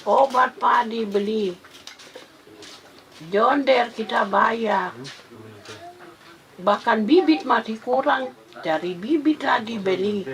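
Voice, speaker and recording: A woman from Papua, a farmer speaking bluntly in a casual interview, with a Papuan Indonesian accent. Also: fairly high pitch. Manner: blunt, plain-spoken complaints.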